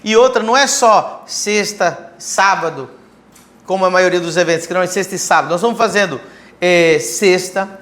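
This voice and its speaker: On a church livestream, a male pastor with a high, slightly bright voice enthusiastically promotes an event at normal speed. He talks at length, clearly a keen promoter who likes to talk.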